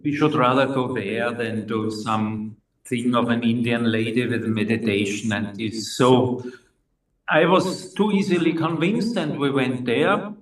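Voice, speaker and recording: An older Austrian man being interviewed tells his personal story with an Austrian German accent, speaking slowly and haltingly with many pauses in a medium-pitched voice. The distant mic captures an echoey room.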